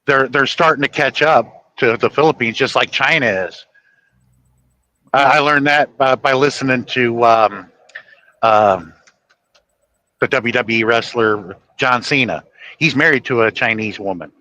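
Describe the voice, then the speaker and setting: A man's voice: medium pitch, measured pace, pauses often, bright, forceful tone, dull audio, a little hiss or hum. A man hosting a podcast, telling stories and insisting on his point in a rambling casual chat. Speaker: podcast host.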